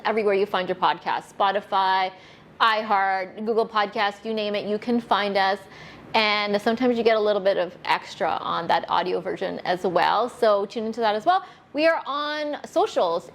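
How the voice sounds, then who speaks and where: A woman hosting a casual chat show in a restaurant, giving a friendly, upbeat sign-off. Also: fairly high pitch. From Canada. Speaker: host.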